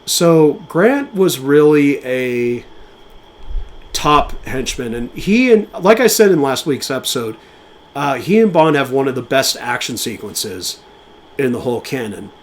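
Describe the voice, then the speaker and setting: A man's voice: medium pitch, lively intonation. Enthusiastic man talking movies on a podcast. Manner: enthusiastic, talks in quick bursts with fillers and restarts. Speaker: podcast co-host. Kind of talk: casual film commentary.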